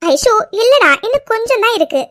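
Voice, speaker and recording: A woman's voice: very high-pitched, sing-song, fairly quick, fairly bright tone, no room sound, studio quality, pitched above the performer's own voice, heavily acted. A woman voicing a fussy, doting middle-aged mother in a cartoon who coaxes someone to eat. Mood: coaxing. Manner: coaxing, insistent. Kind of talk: cartoon voice acting.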